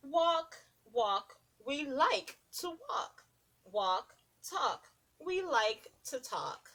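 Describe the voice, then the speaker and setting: A high-voiced woman, a preschool teacher, shares a rhyming picture book aloud with young children. She reads in an expressive, sing-song way, taking it deliberately.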